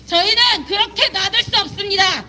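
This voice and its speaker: A woman activist at an outdoor press conference reading a statement and leading chants in a forceful, declaiming way. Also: very high voice, normal speed, poor audio. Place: outdoor plaza.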